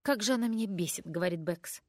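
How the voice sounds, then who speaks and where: A woman's voice: medium pitch, quick pace, no echo, studio quality. A woman reading a first-person teen story aloud, raising her voice for the emotional dialogue.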